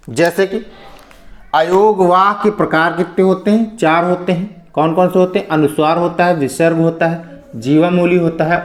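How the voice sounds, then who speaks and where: A man's voice: high voice, echoey room. A man teaching an exam-prep grammar lesson in Hindi with a Hindi accent, explaining step by step, asking questions and answering them himself. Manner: explanatory, repeats "ठीक है" and asks and answers his own questions.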